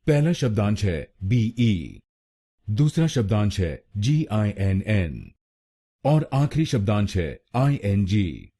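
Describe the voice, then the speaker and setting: Slow husky male pronunciation teacher. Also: on the low side, dark tone. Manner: slow, deliberate, repeats each word several times. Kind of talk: scripted explanatory lesson.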